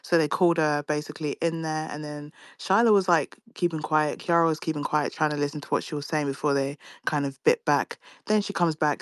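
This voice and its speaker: A woman's voice: deep voice, no room sound. Young woman gossiping with dry sound. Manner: animated, swearing, quoting others in mimicked voices. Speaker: reality show recapper. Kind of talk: casual gossip recap.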